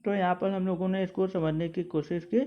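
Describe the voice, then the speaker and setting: A man's voice: sits high, little pitch movement, fairly quick. Teacher man, dull lo-fi phone audio. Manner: repetitive, methodical word-by-word explanation. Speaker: school English teacher. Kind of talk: explaining a textbook lesson. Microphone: mobile phone.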